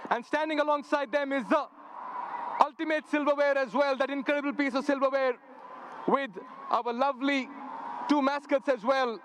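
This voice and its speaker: A man presenting a cricket toss in a loud, projected, dramatic event-host style. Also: very high-pitched, steady tone, normal speed. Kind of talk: hyped live event hosting. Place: outdoor cricket ground in front of a crowd. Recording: loud outdoor stadium noise behind.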